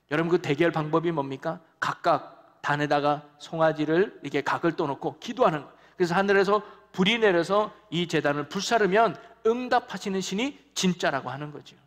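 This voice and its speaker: A man's voice: a little high, brisk. Male pastor preaching in an echoing church. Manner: engaging, asks the congregation questions. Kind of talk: sermon. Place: church sanctuary.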